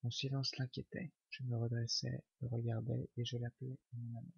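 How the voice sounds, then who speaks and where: A man giving a whispered ASMR reading of a novel, slow and hushed. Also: medium pitch, little pitch movement, gravelly, breathy edge, dry recording. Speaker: ASMR reader. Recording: dull lo-fi recording.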